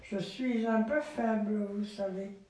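A woman voicing a big, friendly male animal character in a storybook, speaking loudly and exclaiming, recorded far off in a very echoey room. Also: mid-range voice, fairly even intonation, slow pace, natural voice. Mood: pleading.

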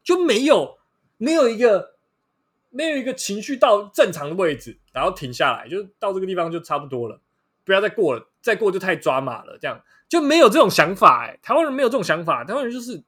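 Blunt, lively Taiwanese-accented guy. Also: high voice, slightly rough. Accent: Taiwanese Mandarin. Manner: blunt, swearing, rambling with many fillers. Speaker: podcast host. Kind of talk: casual solo podcast monologue.

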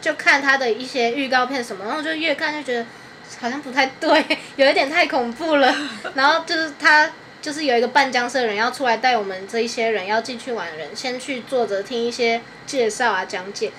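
A woman's voice: sits high, bright, forceful tone. A young woman guesting on a podcast, chatting casually and laughing along. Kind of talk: casual chat. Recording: faint fan noise.

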